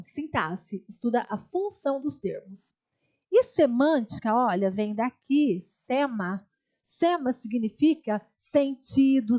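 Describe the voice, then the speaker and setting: Brazilian woman, higher voice, patient grammar teacher repeating key terms, slightly dull lo-fi lecture audio. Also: a little mellow. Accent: Brazilian Portuguese. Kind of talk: online exam-prep lecture.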